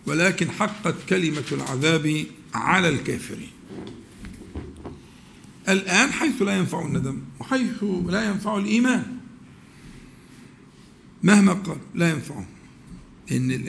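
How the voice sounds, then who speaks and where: Egyptian male religious teacher, slightly high gravelly voice, faint background noise, questions the class and halts to find words. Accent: Egyptian Arabic. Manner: questions the audience, with many drawn-out pauses and restarts. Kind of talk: religious lesson, explaining scripture to students.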